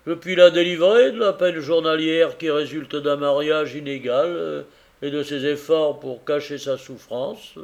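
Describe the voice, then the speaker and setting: A man reading aloud voices a heartbroken, humble carrier, speaking earnestly and slowly with a gravelly tone. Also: on the high side, steady tone. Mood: sorrowful. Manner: earnest, grieving, forgiving.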